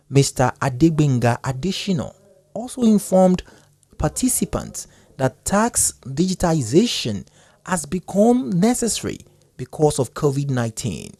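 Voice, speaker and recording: A man with a Nigerian accent reading a news report voice-over in a measured newsreader way. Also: fairly high pitch, sing-song, darkish tone.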